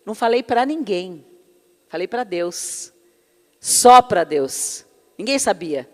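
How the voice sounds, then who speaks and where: A woman's voice: medium pitch, animated, slow, big-room sound. A woman preaching a sermon with personal testimony, fervent and calling her listeners brothers and beloved.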